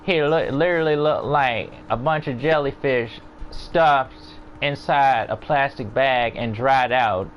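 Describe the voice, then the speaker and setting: A man's voice: medium pitch, unhurried, few pauses, highs cut off, slight background noise. A man with a Louisiana accent, chatting casually with gaming friends and rambling through joking stories. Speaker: gamer. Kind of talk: casual chat.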